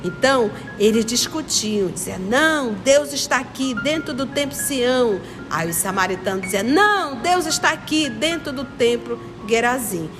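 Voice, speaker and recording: Slightly high and expressive, this woman's voice moves at a moderate pace with few pauses. A children's religious study teacher from Manaus, Amazonas, Brazil, she has a northern Brazilian accent and teaches didactically, explaining step by step, repeating herself and quizzing her listeners. A long reverberant echo and clear background music accompany her.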